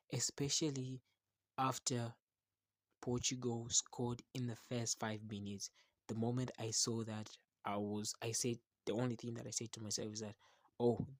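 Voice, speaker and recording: A man's voice: medium pitch, no echo. A man giving casual, opinionated football commentary, emphatic and often repeating words and phrases for stress. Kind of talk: casual match commentary to camera.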